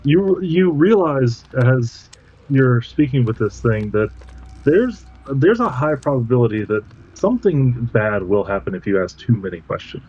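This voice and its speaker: Mellow male game master, slightly dull audio. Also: medium pitch, big pitch swings, a little slow, slightly rough, faint music behind. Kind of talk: narrating a tabletop game, casual.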